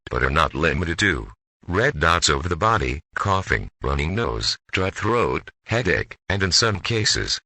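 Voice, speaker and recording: A synthetic text-to-speech male voice, deep, bright, and forceful, reads a scripted emergency broadcast announcement formally, like an alert announcer. The recording is dry.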